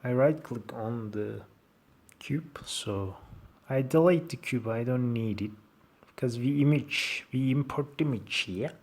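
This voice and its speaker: A man with a Turkish accent presenting an informal software tutorial in halting, short fragmented phrases of non-native English. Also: medium pitch, breathy edge.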